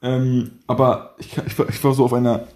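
A man's voice: mid-range voice, flat delivery, a little fast, darkish tone. A young man chatting casually on a podcast, rambling with slang and laughing a lot. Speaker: podcast host.

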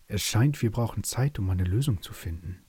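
A man voicing a kind, soft-spoken female flower fairy in a bedtime story. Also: on the low side, expressive, normal speed, slightly rough, no echo. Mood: gentle. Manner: soft, gentle, murmuring.

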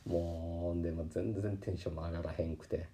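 Animated Kansai man with a dark voice. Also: deep voice, fast, slight background noise. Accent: Kansai Japanese. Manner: animated, acts out quoted voices. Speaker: podcast host. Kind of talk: casual storytelling monologue. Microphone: podcast microphone.

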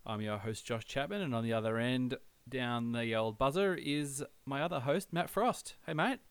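A man's voice: mid-range voice, moderate pace, clear, resonant tone, no echo. An Australian man hosting a podcast in casual chat, with a laconic, laid-back drawl. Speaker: podcast host.

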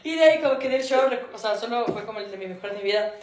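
A young woman, co-hosting a podcast in casual chat and telling stories quickly, often laughing. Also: on the high side. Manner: fast, laughing, animated storytelling. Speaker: podcast co-host and stand-up comedian. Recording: roomy echo.

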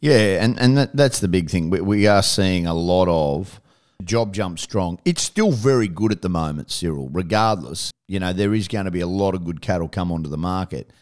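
Male rural radio host, Australian accent, lowish smooth voice, informal interviewing style. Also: animated, moderate pace, a little mellow.

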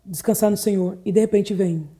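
Fast-talking dark-toned woman singer. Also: medium pitch. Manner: animated storytelling, acts out quoted dialogue. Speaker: guest singer. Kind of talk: casual testimony chat.

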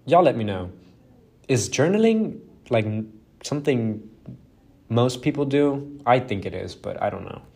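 With a mid-range, gravelly, darkish voice, this young man speaks a little slowly in a sing-song way, pausing often. Spanish is his first language, and on his solo podcast he rambles, mocks himself, swears and fills gaps with fillers.

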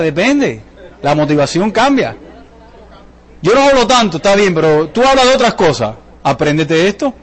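A man giving a lively motivational sales talk to a live audience, joking and asking the crowd questions. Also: high-pitched. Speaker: business presenter at a sales seminar.

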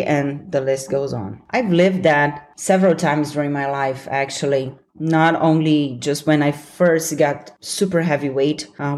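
With a Brazilian accent and a low, slightly mellow voice, this young woman gives solo motivational talk as a podcast host. She's earnest, encouraging and quick to laugh.

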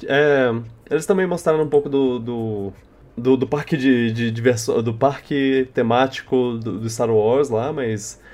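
A young man with a Brazilian Portuguese accent hosting a casual podcast, speaking in a halting, rambling way and often repeating words. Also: mid-range voice, darkish tone. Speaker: podcast host. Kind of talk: casual unscripted podcast chat.

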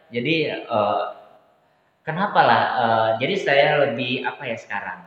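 A man speaking as an interview guest, hesitant with many pauses and restarts, growing lively as he recounts events. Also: medium pitch. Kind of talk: candid personal conversation. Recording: echoey room, dull sound.

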